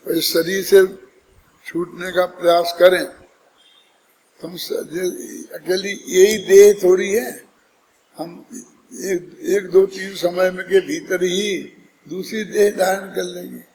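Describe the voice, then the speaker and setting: A man's voice: sits high, fairly even intonation, slow, long pauses, a little mellow, long reverb tail, a little hiss or hum, rough recording. A man giving a scripture discourse, explaining step by step and putting rhetorical questions to his listeners. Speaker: Jain scripture teacher.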